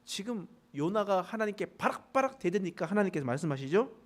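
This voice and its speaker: Animated Korean pastor preaching. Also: male voice, high voice, brisk. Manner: animated storytelling, quiet formal reading of verses. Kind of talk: sermon with Bible reading.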